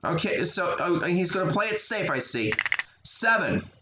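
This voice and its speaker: A man's voice: sits high, big pitch swings, moderate pace. A man hosting a tabletop racing game, casually counting spaces aloud and asking players to lock in their moves. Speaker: host running the game. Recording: echoey room with noise.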